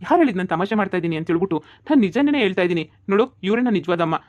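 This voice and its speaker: A man's voice: sits high, expressive, rapid-fire, darkish tone, no room sound, lo-fi sound. Man playing a hot-tempered village husband. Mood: explaining.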